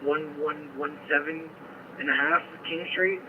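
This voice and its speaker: A police officer talking over the radio in clipped code words. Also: male voice, on the high side, fairly even intonation, unhurried. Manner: clipped, using radio codes. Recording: tinny two-way radio with faint static.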